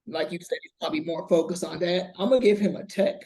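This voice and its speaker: A man co-hosting a casual sports podcast, hesitant and measured with many fillers. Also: sits high, mellow. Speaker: podcast co-host.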